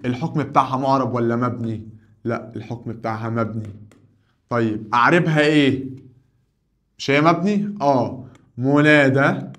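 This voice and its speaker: Egyptian man drilling grammar questions. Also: mid-range voice. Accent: Egyptian Arabic. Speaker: Arabic teacher.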